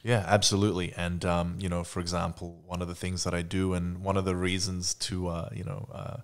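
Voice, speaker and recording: An Australian man guest on a podcast, talking in a measured, talkative way with many fillers. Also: low-pitched, flat delivery, slight background noise. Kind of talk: casual podcast conversation.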